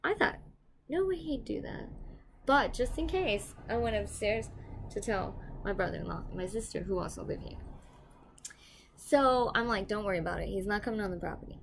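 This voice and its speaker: A young woman casually telling a dramatic personal story to the camera, animated and given to swearing. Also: mid-range voice, fairly quick, creaky, a little hiss or hum. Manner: animated, swings loud and quiet, swears casually. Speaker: property manager telling a story.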